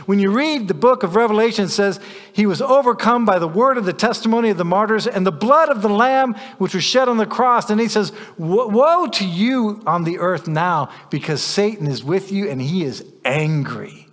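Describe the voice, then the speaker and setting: High-voiced guy preaching a sermon, hammers points home, big echoey church. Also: expressive, moderate pace, fairly bright tone. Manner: emphatic, repeats phrases for stress. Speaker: pastor.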